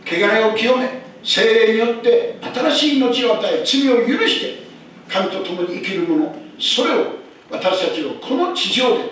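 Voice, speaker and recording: A man's voice: high-pitched, a bit bright. An older man, a pastor, giving an emphatic sermon and repeating key phrases for weight. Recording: echoey church hall, distant mic, faint noise.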